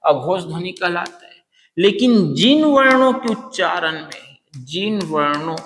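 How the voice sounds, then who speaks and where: Male teacher, fairly high voice, quizzes the class and answers himself, repeats key terms, echoey hall. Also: lively intonation, a little slow, fairly bright tone, a little hiss or hum. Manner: asks the class questions and answers them himself. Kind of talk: Hindi grammar lesson. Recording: roomy reverberant room.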